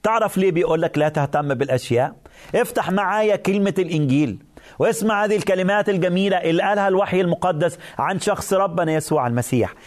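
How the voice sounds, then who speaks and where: A man with an Egyptian Arabic accent delivers a sermon in a somewhat high voice. He speaks earnestly and builds on repeated phrases. He addresses the listener directly throughout. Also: racing. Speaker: preacher.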